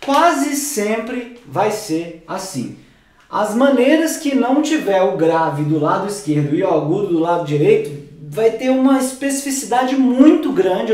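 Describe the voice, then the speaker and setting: A man teaching music theory at a whiteboard, explaining patiently, repeating key words and dropping his voice low for asides. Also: darkish tone. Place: room with whiteboard. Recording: very echoey room.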